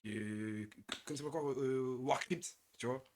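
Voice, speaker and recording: A young man from the Paris suburbs, co-hosting a live reaction stream in casual slang, often repeating words and trailing off quietly. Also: medium pitch, takes it slowly, noisy background. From Paris suburbs, France.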